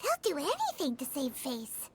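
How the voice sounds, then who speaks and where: A woman's voice: high voice, wildly swooping pitch, normal speed, a little hiss or hum, heavily acted. An actress playing a chatty, teasing young girl healer, in game voice acting.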